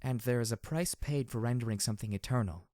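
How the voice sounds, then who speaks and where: A man reading an audiobook, voicing a calm and distant female zebra spirit-medium who speaks in a slow, measured, solemn way. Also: medium pitch, no echo, studio quality, lightly acted.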